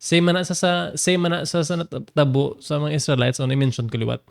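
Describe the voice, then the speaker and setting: A man teaching a Bible passage, animated and laughing often, jumping up in pitch to stress a point. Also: brisk, vocal fry. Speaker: preacher.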